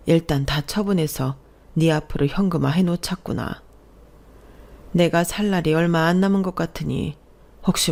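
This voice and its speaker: A woman voicing a frail, dying older mother who speaks in soft, old-fashioned motherly tones in a radio story. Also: deep voice. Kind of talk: scripted radio story reading.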